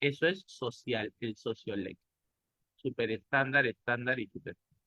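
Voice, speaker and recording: A man's voice: medium pitch, normal speed, sharp tone, no room sound. A man from Peru with a Peruvian Spanish accent, lecturing a class and answering his own questions. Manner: asks the class questions and answers them himself. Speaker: teacher.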